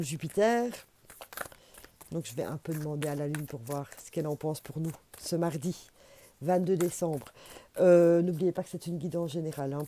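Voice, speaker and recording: Belgian woman, low warm voice, chatty card reader who repeats herself to urge the viewer on. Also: a little hiss or hum. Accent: Belgian French. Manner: chatty, encouraging, repeats for emphasis. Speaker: intuitive oracle card reader. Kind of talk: casual spiritual card reading to camera.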